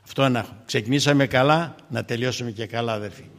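A man in his sixties preaching a sermon, shifting from loud fervent exhortation to quiet, intimate storytelling. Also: medium pitch, long reverb tail.

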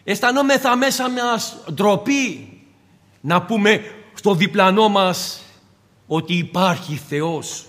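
A man's voice: high voice, animated, a bit bright. A man preaching a fervent sermon to his congregation and acting out the dialogue he quotes. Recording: long hall reverb.

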